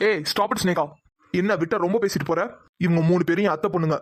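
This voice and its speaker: Brief: a bossy, scolding young cartoon man, mid-pitched and rapid-fire, as a voice actor plays him. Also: natural voice. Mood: stern. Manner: commanding, scolding. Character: stern young man, the household head. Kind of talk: cartoon dub acting.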